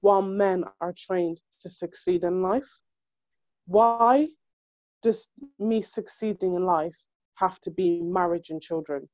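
A woman chatting casually on a podcast, animated and exasperated as she tells stories and acts out what people said to her. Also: on the low side, takes it slowly, dry recording, muffled recording. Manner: animated, exasperated storytelling with acted-out quotes. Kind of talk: casual chat.

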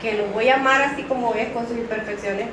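A woman shares an earnest testimony in a fairly high voice. She sounds far from the mic in a roomy church, with clear background noise. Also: steady tone, brisk. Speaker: pastor's wife.

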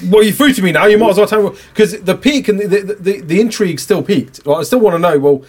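A man talking at a rapid clip in a slightly raised voice. He chats on a podcast and acts out both sides of sales calls, laughing and swearing as he goes. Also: sits high, slightly rough. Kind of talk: casual podcast chat.

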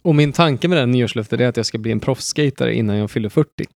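A man's voice: medium pitch, vocal fry, no room sound. A man in his thirties hosting a film podcast, joking and rambling with lots of fillers and restarts. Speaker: podcast host. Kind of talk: casual film podcast chat.

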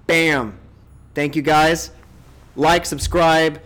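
A man's voice: fairly high pitch, fairly even intonation, drawn-out words, a bit bright. A man hosting a casual gaming podcast, chatting with friends and wrapping up the episode. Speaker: podcast host. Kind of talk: casual chat.

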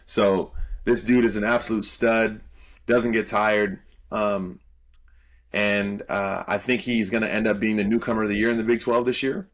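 A young man with a fairly low voice talks sports in an easygoing podcast chat. He sounds sure of his picks and fills his pauses with plenty of "um"s. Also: steady tone. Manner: loose and confident, many "um" fillers. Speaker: podcast co-host and college football analyst.

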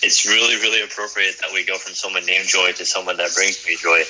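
A man's voice: low voice, level tone, fast talker, bright, forceful tone, poor audio. A man hosting an event off the cuff in an effusive manner. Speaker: event host.

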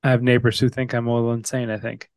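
A man's voice: medium pitch, level tone, quick pace, no echo, clean studio sound. A man chatting and bantering casually as a podcast co-host.

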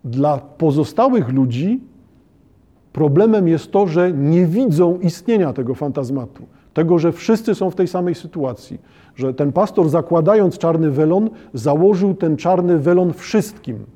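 A man giving an academic lecture on literature, talking haltingly with many hesitations and checking that his listeners follow. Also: a little high, animated, mellow. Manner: halting, with frequent "e" hesitations and restarts; addresses listeners formally and checks understanding.

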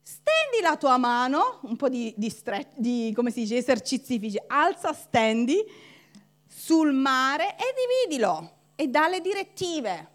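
With a high, slightly slow voice, a woman pastor delivers a sermon full of animation. She voices the characters in her story and laughs along the way.

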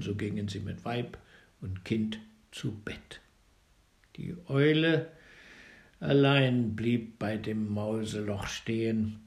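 A man reading a fairy tale aloud in an expressive, dramatic way, dropping to a hush at times. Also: mid-range voice, vocal fry. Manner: expressive, dramatic storytelling with hushed passages. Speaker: storyteller.

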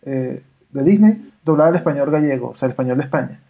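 A woman, chatting on a podcast as co-host, opinionated and animated. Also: rumbling low, quick pace. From Venezuela. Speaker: podcast co-host, audio engineer. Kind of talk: casual podcast chat. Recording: dull lo-fi audio.

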